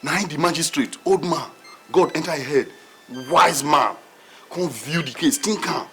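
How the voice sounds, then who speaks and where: A man's voice: fairly high pitch, normal speed, a bit bright, husky. A male actor with a Nigerian accent playing a boastful, argumentative servant, emphatic and repetitive, in a film drama. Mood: boastful storytelling.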